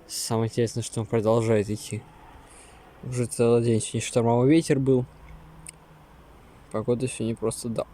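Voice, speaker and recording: Male amateur vlogger, soft dark tone, informal slangy weather commentary, recorded outdoors with light background noise. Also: mid-range voice, little pitch movement, fairly quick, pauses often. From Russia. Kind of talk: casual vlog commentary on the weather. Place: outdoors in a snowstorm.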